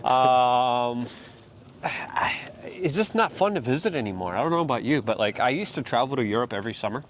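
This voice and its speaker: Man host, casual rambling outdoor walk-and-talk, mid-pitched voice. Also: animated, brisk, a little hiss or hum. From Poland. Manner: rambling with fillers and restarts.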